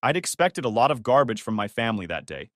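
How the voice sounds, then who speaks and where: A man calmly telling a first-person story, giving the quoted lines their own voices. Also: mid-range voice, fast talker, no echo, studio quality. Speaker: narrator.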